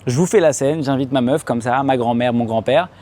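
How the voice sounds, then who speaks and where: Young man doing animated stand-up. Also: brisk. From France. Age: young adult. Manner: animated storytelling, acts out voices with loud high outbursts; slangy casual French, addresses audience directly. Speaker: stand-up comedian. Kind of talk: stand-up comedy set. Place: comedy club stage before a live audience.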